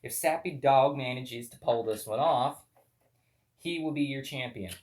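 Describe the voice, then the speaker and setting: Goofy guy doing excited countdowns for diecast car races, mid pitch. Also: a little slow. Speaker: race commentator. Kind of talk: playful toy race commentary.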